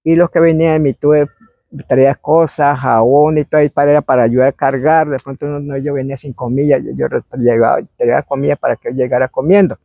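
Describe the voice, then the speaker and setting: Gravelly man telling a folk tale. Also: mid-range voice, steady tone, quick pace, dry recording. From Colombia. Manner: meandering, acts out shouts and quoted voices. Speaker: storyteller. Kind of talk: oral history storytelling. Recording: dry, phone-like narrow sound.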